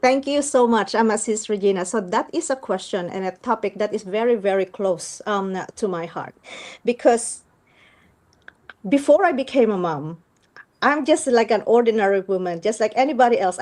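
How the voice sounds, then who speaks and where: A woman's voice: mid-range voice, expressive, normal speed, darkish tone. A woman in her thirties, a guest on a live video-call show, telling her story earnestly with many fillers.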